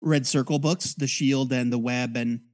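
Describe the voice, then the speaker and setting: A man co-hosting a comic book podcast in casual chat, halting and full of fillers as he restarts his words. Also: mid-range voice, fairly even intonation. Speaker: podcast co-host.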